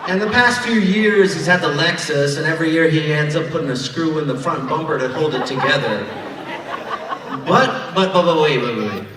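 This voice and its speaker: A man's voice: a little high, normal speed, background noise. A young man giving a joking, teasing wedding toast as a groomsman. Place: hotel banquet hall. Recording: echoey hall from far off, crowd.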